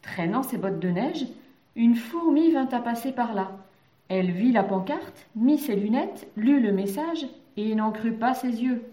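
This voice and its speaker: A woman narrating a children's story gently. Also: a little high, expressive, measured pace. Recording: roomy echoey recording.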